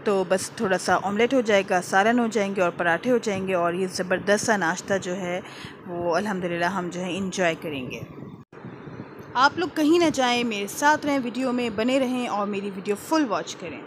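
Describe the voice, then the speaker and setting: A woman with an Urdu-speaking Pakistani accent hosts a casual home vlog, chatting to viewers as she cooks in her kitchen and living room. Her medium-pitched voice moves at normal speed, warm and chatty and full of the filler "jī," with background noise present.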